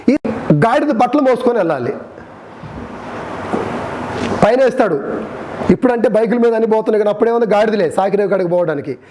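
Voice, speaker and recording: A male preacher giving a sermon, telling stories with animal examples and often asking the congregation questions. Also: high voice. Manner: lively storytelling, keeps asking the congregation questions.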